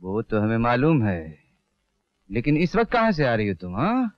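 A man's voice: mid-range voice, huge pitch swings, moderate pace, dry recording. An actor playing a humble, uneducated rickshaw-puller who raised a girl as his own, in a 1980s film melodrama. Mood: scolding. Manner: pleading, emotional, rustic speech. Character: humble uneducated rickshaw-puller man, devoted foster father. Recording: dull, music behind.

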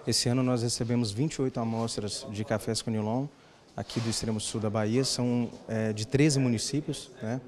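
A man in his thirties explains things patiently in a mid-pitched voice, with frequent fillers. He speaks into a handheld mic in an indoor room. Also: fairly even intonation, moderate pace, darkish tone. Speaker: agronomist interviewee. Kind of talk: interview answer. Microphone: handheld reporter mic.

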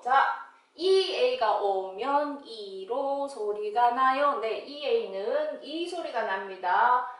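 Slow, echoey woman teaching phonics. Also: on the high side, recorded from a distance. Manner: drawn-out, syllable-by-syllable sounding out of words. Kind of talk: slow instructional phonics lesson. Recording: very echoey room, voice a bit off-mic.

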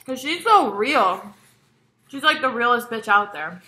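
Bright-voiced young woman rambling casually. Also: a little high, sing-song, a little slow. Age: young adult. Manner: rambling, profane, frequent "like". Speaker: vlogger. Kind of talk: casual mukbang chat. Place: at home.

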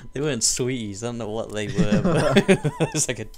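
A man playing an online game with friends, giggling and excitable, talking into a headset. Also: medium pitch, normal speed. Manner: giggly, excitable, frequent laughter. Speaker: gamer. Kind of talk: casual gaming chat.

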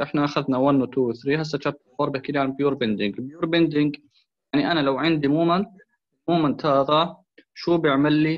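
A man with a Levantine Arabic accent and a fairly high pitch delivers a recorded engineering video lecture, working through it step by step. He asks rhetorical questions and mixes in English technical terms, and the recording sounds dull and lo-fi.

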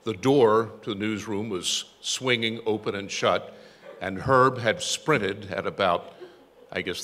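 Older male speaker at a tribute, wry anecdotal storyteller, forceful lowish voice, reverberant hall sound. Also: a little hiss or hum. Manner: storytelling, self-deprecating humor. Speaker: tribute speaker, former newsroom copy boy. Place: event hall. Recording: echoey hall with long reverb.

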